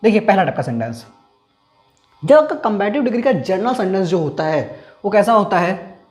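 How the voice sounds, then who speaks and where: A male teacher explains a lesson step by step, tossing questions at his listeners and answering them himself. He slows down to repeat key terms for emphasis, with faint music in the background. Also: high-pitched, big pitch swings, darkish tone. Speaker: English grammar teacher.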